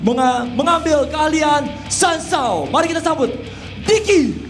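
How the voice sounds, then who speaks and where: High, booming Indonesian lucha-libre-style ring announcer man. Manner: booming shouts, drawn-out fighter names. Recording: loud music over the announcement. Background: loud music.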